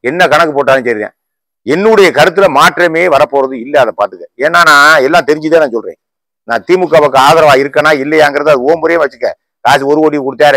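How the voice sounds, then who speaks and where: A man rants about politics at a quick clip. His voice sits high and bright, firing off rhetorical question after question. The sound is close and dry. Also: dry recording, low-quality recording. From Tamil Nadu. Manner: combative, rapid rhetorical questions. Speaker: political YouTuber. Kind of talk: heated political rant to camera.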